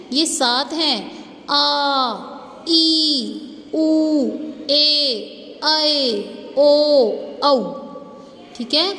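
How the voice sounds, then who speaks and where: A woman school teacher giving a slow, patient grammar lesson to young students, often checking that they follow. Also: sits high, a bit bright. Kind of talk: online class lesson. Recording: echoey room with faint ambience.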